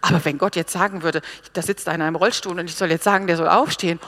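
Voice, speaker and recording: A woman preaching a sermon, telling stories and acting out the people she quotes with lively pauses and hesitations. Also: fairly low pitch. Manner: lively storytelling, animated quoting of others, with pauses and hesitations.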